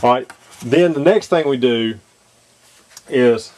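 A man talking through a model aircraft cockpit install at his workbench, off camera, pausing often with ums and restarts. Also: medium pitch, darkish tone. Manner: hesitant, many ums and restarts. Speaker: model kit maker demonstrating installation. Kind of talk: casual how-to demonstration.

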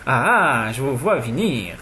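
A man's voice: mid-range voice, big pitch swings, a little slow, bright, forceful tone, a little hiss or hum, voice pushed down. A man voicing a teasing young duchess. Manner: playful, mock-innocent. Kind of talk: audiobook character voice.

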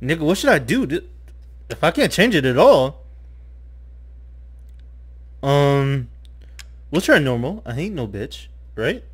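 A man's voice: a little high, sing-song, slow, pauses often, husky. A young man giving casual, profane gameplay commentary as a channel host, jittery and slangy, with slightly impeded speech. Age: young adult. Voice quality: slightly impeded speech after dental surgery. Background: game music.

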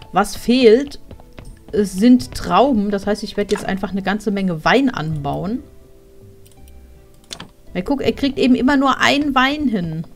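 A woman streamer talks through her game in an easy, chatty way, musing aloud about what to do next. Her voice sits at an ordinary middle pitch and comes close through a headset mic. Soft game music plays faintly behind her. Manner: chatty, thinking aloud while playing. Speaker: let's play streamer. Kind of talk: casual gameplay commentary.

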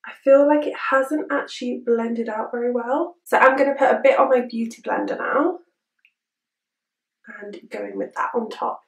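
A woman's voice: on the high side, moderate pace, vocal fry, far from the mic. A young woman with a chirpy, perky manner, chatting casually to camera as a beauty vlogger reviewing a product. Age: young adult. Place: small room indoors. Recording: roomy indoor echo.

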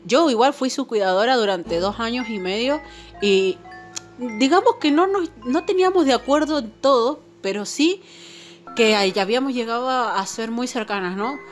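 With an expressive, high-leaning voice and a moderate pace, a channel host recounts a personal paranormal encounter for her audience. She chats loosely, fills the gaps with fillers, and keeps checking in with "¿no?" while faint music plays behind her.

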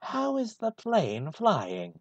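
A man voicing a gruff, brooding male hedgehog antihero in a one-take fan reading of a film script, deadpan and husky. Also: high voice, takes it slowly, lo-fi sound, heavy background noise, exaggerated voice.

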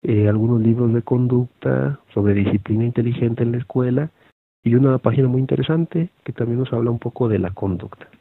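Heard over thin phone-like audio with no room sound, a Mexican-accented male teacher lectures conversationally to other teachers online. His voice is medium in pitch, a little fast, slightly rough, with vocal fry, and he uses many fillers and tag questions.

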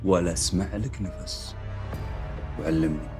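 A man playing a deep, menacing captor. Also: lightly acted. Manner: slow, threatening. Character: menacing male captor making threats. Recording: TV soundtrack with clear music.

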